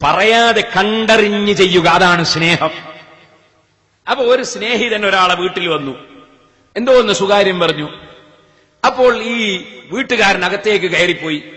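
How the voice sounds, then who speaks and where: High-voiced man preaching in a chanting sing-song. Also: measured pace, long pauses, sharp tone. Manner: melodic chanting delivery, rising and falling; rhetorical questions to the audience. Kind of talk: sermon on a Quran chapter. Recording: long hall reverb.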